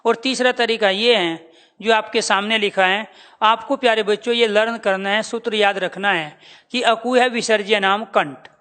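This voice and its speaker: A man's voice: high-pitched, steady tone, normal speed, bright, forceful tone. A man teaching a lesson to students, calling them dear children and drilling the sounds by repeating them. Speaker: Hindi teacher. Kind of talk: classroom lecture.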